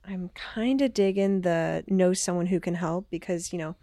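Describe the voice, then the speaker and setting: A woman's voice: lowish voice, moderate pace, mellow, no echo, studio quality. Tentative woman reading out game options. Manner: reads options aloud, tentative. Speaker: player. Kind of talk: casual tabletop game chat.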